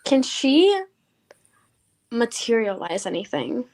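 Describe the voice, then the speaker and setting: A woman's voice: on the high side, very animated, takes it slowly, a little mellow, poor audio. A woman playing a tabletop game, describing things in a thoughtful way. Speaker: player.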